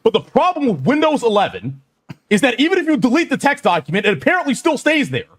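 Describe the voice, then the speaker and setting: A man's voice: extremely high pitch, wildly swooping pitch, fast talker, fairly bright tone. A man talking casually on a stream, defensive and exasperated, swearing and repeating himself.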